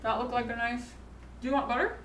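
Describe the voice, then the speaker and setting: A woman's voice: on the high side, steady tone, fast, noisy background. Chatty woman cooking, roomy and distant. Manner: chatty, upbeat, laughing asides. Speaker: co-host. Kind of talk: casual chat while cooking. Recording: echoey room, mic far off.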